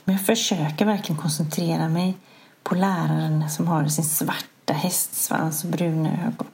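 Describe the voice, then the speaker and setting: A middle-aged woman with a low voice and a gravelly, fry-tinged edge tells a personal story. She speaks in a soft, hushed way and pokes fun at herself. The tone stays candid and conversational. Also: fairly even intonation. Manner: candid, self-mocking. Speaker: podcast host.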